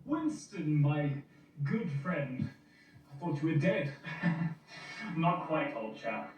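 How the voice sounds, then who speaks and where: A man's voice: on the high side, big pitch swings, slow, muffled recording. A man voicing pompous male musician rivals in theatrical, old-fashioned banter. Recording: very echoey, far off, loud music behind.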